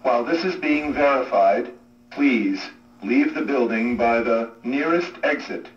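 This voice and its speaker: A man giving a calm, measured prerecorded emergency announcement over a public address loudspeaker. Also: medium pitch. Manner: calm, measured, even delivery. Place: hotel corridor. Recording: echoey, muffled loudspeaker from far off.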